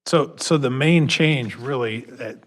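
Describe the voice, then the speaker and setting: A man's voice: medium pitch, measured pace. A man on the city council asking short questions, hesitating and repeating words. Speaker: council member.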